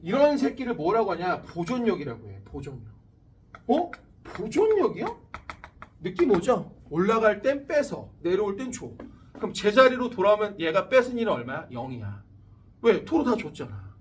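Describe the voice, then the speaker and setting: Animated high-voiced male physics teacher. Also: fairly quick, recorded from a distance, a little hiss or hum. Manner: animated, crude slang, acts out quoted voices. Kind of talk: classroom lecture with storytelling. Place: classroom.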